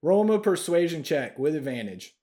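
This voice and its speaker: A man's voice: a little high, big pitch swings, a little fast, warm tone. A man narrating as game master in a loose, laughing storytelling manner.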